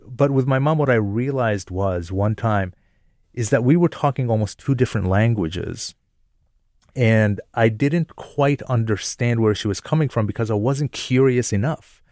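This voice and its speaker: A man from Jordan telling personal stories in a relaxed radio conversation, thoughtful and quick to laugh. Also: mid-range voice, no room sound, clean studio sound. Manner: thoughtful, self-reflective, laughs easily.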